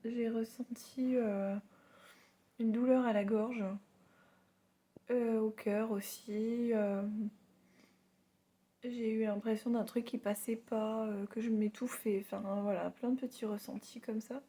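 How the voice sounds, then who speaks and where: A woman with a heavy cold, her nasal voice hoarse and giving out, chats casually and haltingly to her followers in a self-deprecating way. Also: fairly high pitch, flat delivery, warm tone. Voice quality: hoarse, worn voice with little power; nasal, congested. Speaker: spiritual medium vlogger. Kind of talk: casual personal storytelling to followers.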